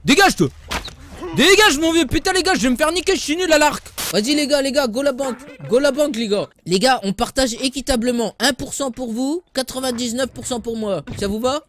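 A young man streaming games, joking loudly, swearing and talking to his viewers. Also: very high-pitched, a little fast. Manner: loud, joking, swearing often, talks to chat. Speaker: gaming streamer. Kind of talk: excited live gameplay commentary.

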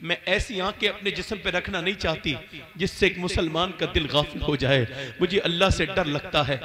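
A man preacher voicing a pious young woman, speaking in a low, solemn way. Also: fairly even intonation, lightly acted. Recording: live gathering with crowd noise.

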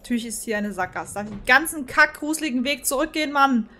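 A woman's voice: high voice, fast talker, sharp tone, a little hiss or hum. A woman streamer giving live commentary on a horror game, jittery and talking to her chat, with frightened outbursts. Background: faint game music.

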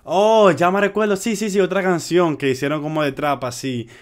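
A man's voice: on the high side, fairly even intonation, moderate pace. A man hosting a casual music reaction video, talking chatty and slangy straight to his viewers. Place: home in Orlando.

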